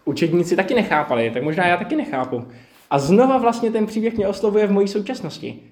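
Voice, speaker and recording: A man's voice: high-pitched, lively intonation, darkish tone, roomy sound. A man giving a personal, reflective sermon in a conversational way, acting out his own inner dialogue. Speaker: preacher.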